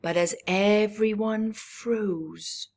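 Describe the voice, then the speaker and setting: At story time, a woman with a medium-pitched, darkish voice and fairly even intonation reads aloud from a rhyming picture book. Her reading is slow, broken up by friendly chats with the kids, and now and then she lowers to a breathy whisper.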